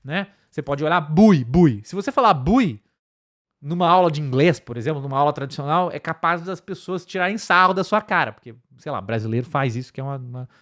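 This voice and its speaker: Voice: mid-range voice, lively intonation, fairly bright tone. Um professor de inglês com sotaque brasileiro explica pronúncia numa aula de curso online, repetindo palavras devagar para demonstrar e pontuando as frases com "tá?" e "né?". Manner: explanatory, tag questions "tá?" and "né?", repeats words slowly to demonstrate. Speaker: English teacher. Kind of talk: online course lesson.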